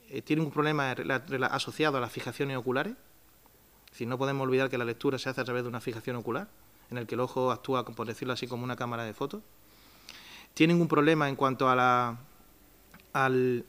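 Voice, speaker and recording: A man's voice: mid-range voice, a bit bright. A man with a Spanish accent explaining a reading program at a town hall press conference, talking step by step with fillers and restarts and answering his own questions. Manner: asks himself rhetorical questions and answers them. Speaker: company presenter at a press conference.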